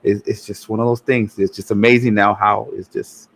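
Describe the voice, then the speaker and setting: A man's voice: fairly low pitch, flat delivery, normal speed, creaky, a little hiss or hum. A man hosting a casual podcast chat, easygoing, chuckling often and rambling through restarts. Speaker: podcast host.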